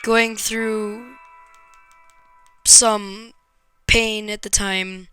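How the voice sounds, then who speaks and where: A woman vlogger telling a painful personal story to camera, frank and raw, with hesitant pauses and swearing when upset. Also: mid-range voice, little pitch movement, sharp tone, clear, resonant tone, no room sound, soft background music.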